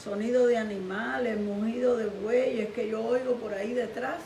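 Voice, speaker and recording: A woman's voice: fairly high pitch, fairly even intonation, moderate pace, vocal fry, dark tone. A woman voicing a stern rebuking prophet. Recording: echoey room, distant mic, faint hiss.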